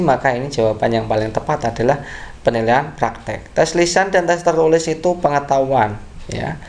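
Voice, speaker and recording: A man's voice: medium pitch, gravelly. A man working through exam practice questions as an online tutor. He reads out each answer option and keeps adding a tag that asks his viewers to agree. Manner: unhurried, reads answer options aloud, often adds a tag asking for agreement. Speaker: online test-prep tutor.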